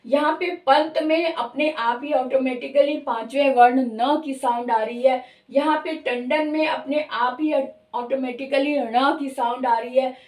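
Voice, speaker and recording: A woman teaching Hindi grammar, explaining slowly and drawing out each sound she demonstrates. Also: sits high, fairly even intonation, a little mellow, roomy sound, far from the mic. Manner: slow, careful, drawn-out demonstration of sounds. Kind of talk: explanatory lesson.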